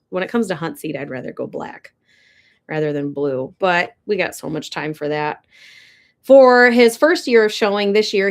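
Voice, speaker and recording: A young woman chatting casually on a ranch livestream, gushing and answering viewer comments. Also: fairly low pitch. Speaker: livestream host. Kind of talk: casual live chat. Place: ranch barn or home.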